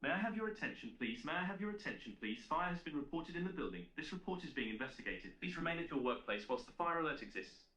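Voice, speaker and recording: A man's recorded alarm announcement played through a public address loudspeaker, delivered in a fast, even, automated way. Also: a little high. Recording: echoey room, loudspeaker playback.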